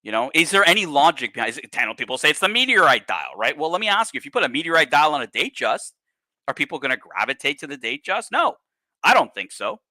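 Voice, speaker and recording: A male host talks casually and bluntly on a livestream, cursing freely and breaking into animated asides. His voice has a bright, forceful edge. The sound is dry and close, with little room echo. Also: fairly high pitch, fast.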